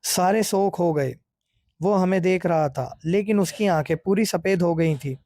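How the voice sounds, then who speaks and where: A man narrating a scripted horror story in a steady, suspenseful way. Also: high voice, unhurried, dry recording, clean studio sound.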